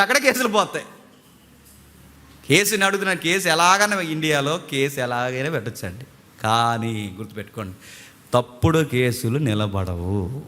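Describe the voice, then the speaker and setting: A man preaching a sermon in an animated way, often acting out court scenes in quoted voices. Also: on the high side. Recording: long hall reverb.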